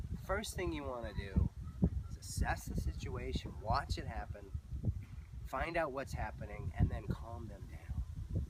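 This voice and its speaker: Man training a horse outdoors. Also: mid-range voice. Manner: calm, soothing cues to a horse. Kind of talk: instructional demonstration. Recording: loud outdoor noise, distant mic.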